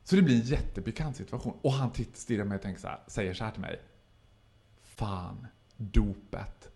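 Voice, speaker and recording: A man's voice: medium pitch, lively intonation, mellow. A man telling a wild anecdote in casual chat, acting out the voices and laughing often. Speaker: podcast guest.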